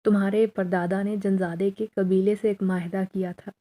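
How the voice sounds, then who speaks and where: A woman's voice: medium pitch, flat delivery, dark tone, lightly acted. A woman voicing a worried older uncle revealing a family secret in a spoken horror story. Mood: grave.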